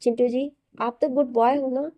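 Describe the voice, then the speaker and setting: A woman voicing a kind young wife who speaks softly and affectionately. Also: high voice, fairly even intonation, moderate pace, dry recording, natural voice. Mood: gentle coaxing. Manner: soft, affectionate coaxing. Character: gentle young wife, kind and soft-spoken.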